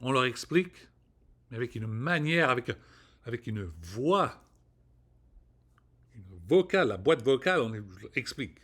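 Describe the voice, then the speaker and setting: Man, casual vlog rant, rambling and foul-mouthed, mid-pitched voice. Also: expressive, a little slow, long pauses, a bit bright. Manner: rambling, profane, restarts words often. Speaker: vlogger. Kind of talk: casual spoken rant to camera.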